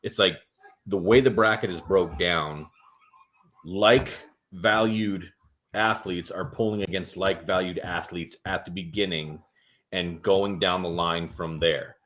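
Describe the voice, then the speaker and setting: Man, fairly low voice, casual podcast chat, animated and profane. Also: measured pace. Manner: profane, animated storytelling with acted quotes. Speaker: podcast host and armwrestler.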